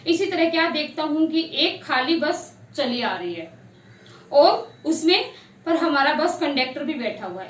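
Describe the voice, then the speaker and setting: A high-pitched woman teaches a class lesson, retelling a story and pausing to explain the meaning of difficult words. Her voice is recorded from a distance in an echoey room. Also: slight background noise. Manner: retells the story then glosses hard words. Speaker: Hindi teacher.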